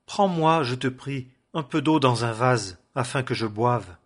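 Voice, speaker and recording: A stern, fervent prophet speaks in a grave, declaiming way, as a man reading scripture aloud gives him voice. The tone is a little husky and breathy, with a middling pitch. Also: a little slow. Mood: entreating.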